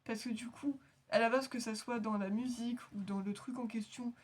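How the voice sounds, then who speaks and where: A woman's voice: fairly high pitch, steady tone, moderate pace, a little mellow. A woman hosting an anime reaction video, chatting casually in a rambling, giggly, self-mocking way. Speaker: anime reaction channel host.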